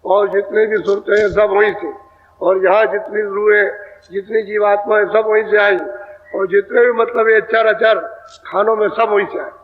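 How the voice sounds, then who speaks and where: A man giving a devotional sermon, explaining verses slowly and repeating phrases as he teaches. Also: high voice, little pitch movement. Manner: slow, repetitive expository preaching, prompting chanters. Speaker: spiritual teacher giving satsang. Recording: echoey hall over a tinny lo-fi line.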